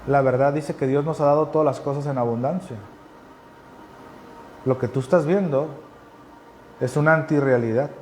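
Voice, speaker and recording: An earnest male preacher teaches a sermon. His voice sits at a middle pitch and his delivery stays conversational while he leans on repeated phrases. A faint hum of noise sits behind him. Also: moderate pace, pauses often.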